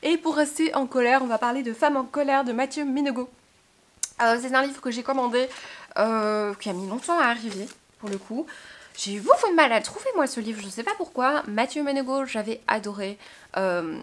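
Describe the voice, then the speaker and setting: A young woman from Belgium, chatting casually about her book haul, hesitant with many fillers and restarts. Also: mid-range voice. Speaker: book vlogger.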